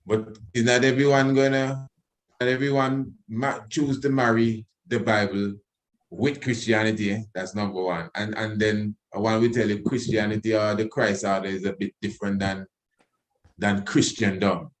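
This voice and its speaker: A man moderating a casual reasoning in Rasta speech, halting and repeating his words. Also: on the low side, steady tone, low-quality recording. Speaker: discussion moderator.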